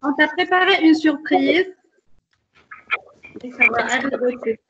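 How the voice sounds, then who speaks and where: A young woman with a high voice chats casually. The sound is dull and muffled, as over a video call. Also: slow, fairly bright tone. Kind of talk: casual chat.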